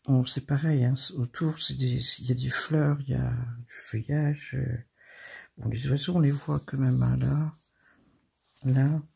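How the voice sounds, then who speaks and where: A woman hosting a crafting channel, showing off her craft supplies in a chatty, halting way with many fillers, and often giggling and teasing herself. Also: rumbling low, fairly even intonation, vocal fry, dark tone, slightly rough. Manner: giggly, self-mocking. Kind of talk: casual show-and-tell of craft supplies.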